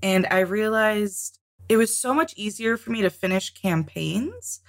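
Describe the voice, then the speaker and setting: A woman's voice: mid-range voice, lively intonation, a little slow. A woman guest in a casual interview, talking about tabletop games, chatty with frequent laughs and ums. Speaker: podcast guest, tabletop game author.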